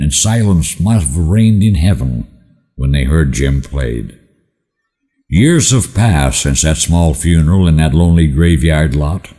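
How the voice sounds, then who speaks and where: A man with a folksy cowboy drawl recites rhyming cowboy poetry, haltingly repeating words and letting line endings fall away slowly. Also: rumbling low, dark tone. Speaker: cowboy poet. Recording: echoey hall with long reverb.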